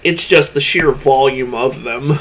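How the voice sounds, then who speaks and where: A man co-hosting a casual livestream over a headset mic, easygoing and quick to laugh between remarks. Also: medium pitch, fairly bright tone, slight background noise, low-quality recording. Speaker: streamer co-host.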